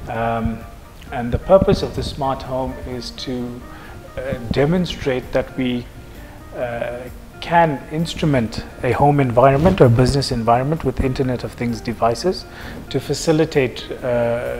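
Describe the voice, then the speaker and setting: A man in his thirties from South Africa, a project manager answering interview questions in a measured way, with examples and frequent fillers, seated on a sofa and wearing a lapel mic. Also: medium pitch, darkish tone, big-room sound. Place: office lounge, seated on a sofa.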